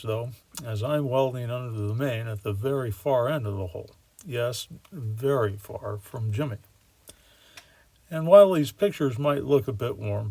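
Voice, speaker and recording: A man's voice: mid-range voice, gravelly, warm tone, no room sound. A man telling a work story in a folksy, wry way, using casual slang as a model railroad builder. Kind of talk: storytelling narration.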